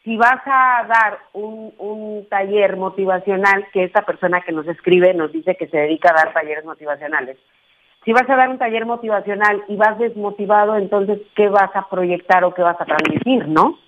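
A woman hosts a radio interview, speaking conversationally as she passes listeners' questions to her guest. Her voice sits at a middle pitch and comes through a tinny, phone-like band. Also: moderate pace. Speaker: radio host.

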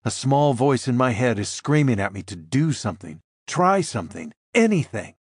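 A man reading a first-person thriller as an audiobook, in a tense, measured way. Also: medium pitch, sing-song, slightly rough, no echo, studio quality. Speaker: audiobook narrator.

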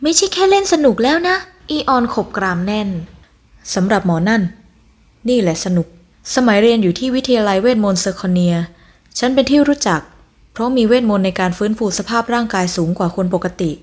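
A woman voicing a blunt young shop manager with a husky voice. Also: mid-range voice, animated, fast, lightly acted. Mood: bitter. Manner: serious, blunt.

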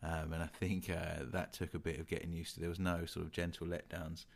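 A young man with a London accent talks in a deep, low register. He chats casually as a podcast co-host, thinking aloud and qualifying nearly every point with "sort of" and "you know". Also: flat delivery, fairly quick, gravelly. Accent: London English. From England. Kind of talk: casual chat.

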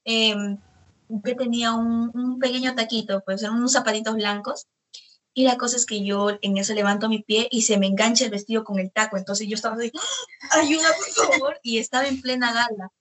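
A woman's voice: fairly high pitch, steady tone, brisk, a bit bright. A young woman, a singer, chatting in an interview and telling anecdotes with many fillers. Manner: storytelling, many fillers like "este". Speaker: guest singer. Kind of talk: casual interview chat.

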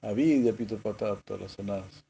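A man, a spiritual teacher preaching a sermon, moving from soft asides to emphatic stressed words and clearing his throat often. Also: lowish voice, normal speed, dull audio, slight background noise.

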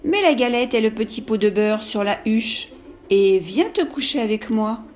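A woman voicing a cunning, smooth-talking wolf in a read-aloud fairy tale. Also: a little high, lively intonation, normal speed, slight background noise, lightly acted. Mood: sly.

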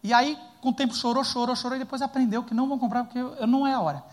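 Brief: Brazilian male pastor, middle-aged, fairly high voice, lively storytelling sermon. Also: racing. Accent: Brazilian Portuguese. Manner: animated, rhetorical, tells family anecdotes, acts out quotes.

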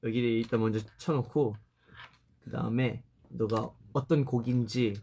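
A man hosting a casual chat, excitable and switching between Korean and English. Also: mid-range voice, racing, creaky, breathy edge. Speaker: radio host.

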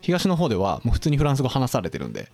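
A man with a rapid-fire, mid-range voice hosts a casual podcast, chattily explaining topics to his co-host. He's lively, quizzes his co-host, and drops into playful impressions.

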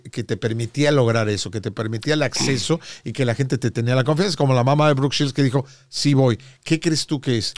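A man hosting an interview, engaged and quick to back up his guest with short affirmations. His voice sits at a middling pitch, recorded dry and close. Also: dry recording. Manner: engaged, affirming with frequent backchannels. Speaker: podcast host, interviewer. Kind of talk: conversational interview.

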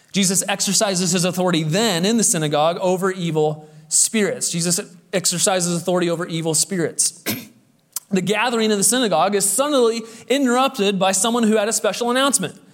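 A man pastor delivering a sermon with emphatic preaching, his voice swelling and dropping for effect, with the occasional hesitant filler. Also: sits high.

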